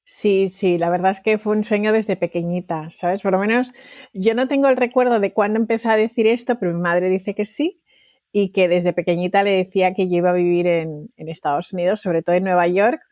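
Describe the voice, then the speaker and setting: A woman in her forties from Valencia, a guest on an interview podcast, talkative and quick to laugh. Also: medium pitch, fairly even intonation, dry recording, studio quality. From Valencia, Spain. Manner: warm, talkative, laughs easily. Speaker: guest, entrepreneur.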